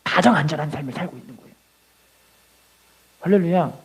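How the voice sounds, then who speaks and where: A woman pastor preaching a Sunday sermon in Korean, telling stories with lively acting and having the congregation repeat scripture. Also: low voice, fairly quick, husky. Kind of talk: sermon with storytelling.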